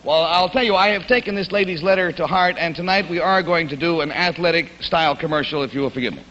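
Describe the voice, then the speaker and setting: Male game-show host on an old 1950s TV broadcast: high, bright, folksy showman patter. Lo-fi sound, faint hiss, reverberant studio. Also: quick pace. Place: TV studio stage.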